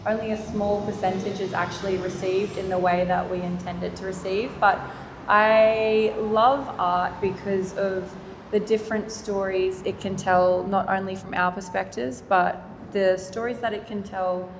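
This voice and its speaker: An Australian woman moderating a public panel conversation in a gallery, speaking in an earnest, measured and formal way. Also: medium pitch, fairly even intonation. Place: gallery event space. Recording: roomy hall reverb, faint noise.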